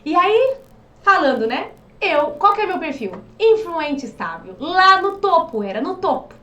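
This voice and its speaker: A woman coaching on behavioral profiles in a casual, animated way, asking rhetorical questions and acting out quoted voices. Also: very high voice, measured pace, highs cut off. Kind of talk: casual teaching monologue. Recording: echoey room, mic at a distance.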